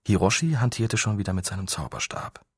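A man narrating an audiobook in calm, measured storytelling. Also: fairly low pitch, breathy edge, no room sound, clean studio sound. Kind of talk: scripted narration.

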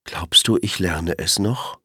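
A man's voice: sits low, takes it slowly, bright, forceful tone, breathy edge, no echo, studio quality, heavily acted. Man doing a worried little fox cub. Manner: worried, hesitant. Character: small clumsy fox cub, anxious.

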